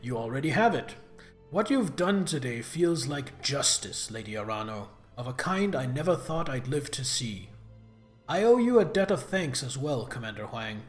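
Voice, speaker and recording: A man's voice: medium pitch, sing-song, normal speed, faint music behind, natural voice. A man voicing a formal, honorable but bitter grieving lord in a video game. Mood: grateful. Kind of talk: reading video game dialogue aloud.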